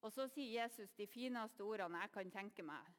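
A woman preacher giving a sermon, retelling the story in a lively way and acting out the voices. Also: medium pitch, long reverb tail.

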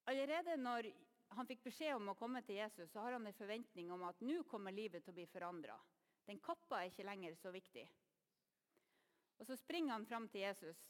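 A woman preacher giving a sermon, retelling the story in a lively way and acting out the voices. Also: medium pitch, big-room sound.

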